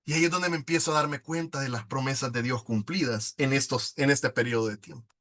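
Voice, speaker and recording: A man's voice: medium pitch, brisk, fairly bright tone. A middle-aged man, telling his personal faith testimony with emotion and acting out past conversations. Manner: emotional storytelling, acts out past dialogue. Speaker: testimony speaker at a prayer group.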